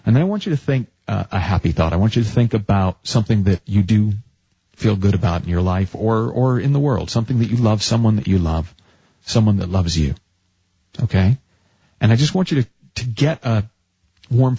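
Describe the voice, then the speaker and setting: A man's voice: fairly low pitch, mellow, slightly rough, no room sound, highs cut off. A man hosting a call-in radio advice show, talking in a chatty, coaching way and often restarting his sentences. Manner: chatty, self-interrupting, coaching tone. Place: radio studio.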